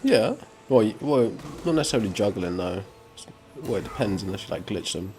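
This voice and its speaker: A man's voice: lowish voice, expressive, a little fast, music in the background. Young man chatting casually while gaming. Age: young adult. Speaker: streamer.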